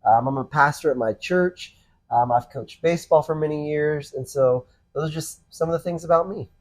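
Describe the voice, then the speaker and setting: On this conversational podcast, a man in his thirties, a pastor and co-host, talks with an earnest, relaxed manner, often saying um and starting over. He speaks at a normal speed with a voice on the high side.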